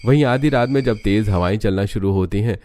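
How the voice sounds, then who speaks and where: A man narrating a cartoon moral story in a steady, matter-of-fact way. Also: lowish voice, fairly quick.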